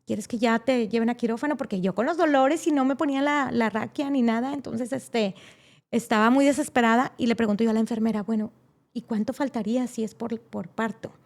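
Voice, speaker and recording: A woman's voice: a little high, a little fast, a little mellow. A woman, a podcast guest telling an emotional personal story and acting out the people she quotes, with many fillers.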